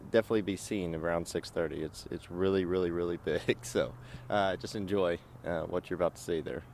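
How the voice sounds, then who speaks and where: Deep-voiced man fan, hesitant. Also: brisk, darkish tone. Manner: hesitant, many fillers. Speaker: soccer supporter.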